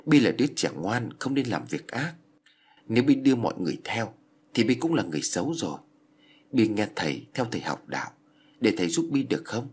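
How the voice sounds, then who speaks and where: A man voicing a gentle older male exorcist monk who coaxes a child spirit in a soothing way. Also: fairly low pitch, sing-song, brisk, slight background noise. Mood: coaxing. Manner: soothing, coaxing.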